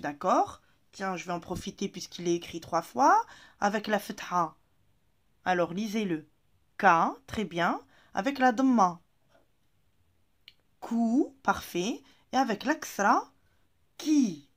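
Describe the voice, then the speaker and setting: French-speaking learners get an Arabic reading lesson from a medium-pitched woman who is patient and encouraging. She slows the syllables down and stretches them out for her students to repeat.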